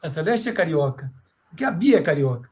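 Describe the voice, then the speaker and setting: A man's voice: on the high side, brisk, crowd noise. A middle-aged man, a puppeteer and voice actor, telling anecdotes on a panel and acting out the voices of people he quotes. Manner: lively storyteller who acts out quoted voices, frequent "né?".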